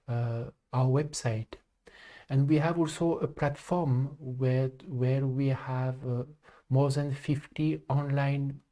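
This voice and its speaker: A man from France, hosting a live spiritual talk in a calm, halting way with frequent pauses. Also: mid-range voice. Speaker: live stream host and spiritual speaker. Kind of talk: live stream talk to viewers.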